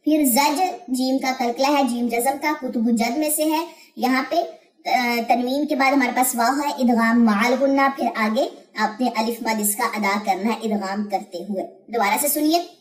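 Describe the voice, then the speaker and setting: Woman teacher going over quran recitation rules, high voice, takes it slow, bit of room echo. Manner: explains recitation rules step by step, asking and answering her own questions.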